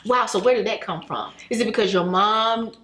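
A woman's voice: medium pitch, normal speed, sharp tone. An upbeat, enthusiastic woman hosting an interview show, effusive with her guest. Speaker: talk show host. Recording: roomy echo.

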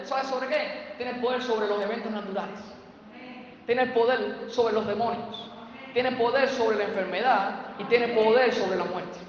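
A man's voice: very high voice, a little hiss or hum. A man with a Cuban accent preaching a sermon and telling scripture stories in his own words. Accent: Cuban Spanish. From Cuba. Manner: vivid storytelling, retells scripture scenes. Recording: echoey hall, distant mic, dull sound.

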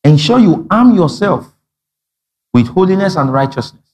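Speaking at normal speed in a voice that sits high, a male pastor delivers a sermon. His storytelling is lively, with dialogue he acts out and plenty of laughter.

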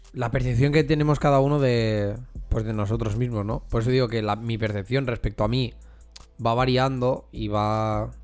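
A man's voice: medium pitch, smooth. Rambling young Spanish man chatting. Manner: rambling, profane, many fillers and restarts. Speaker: podcast co-host. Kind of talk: casual chat.

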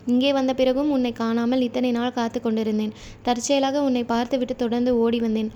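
A woman voicing a gentle, devoted young man who sings temple hymns, in a storybook reading with faint hiss. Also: very high voice, level tone, fairly quick, dull audio. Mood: earnest.

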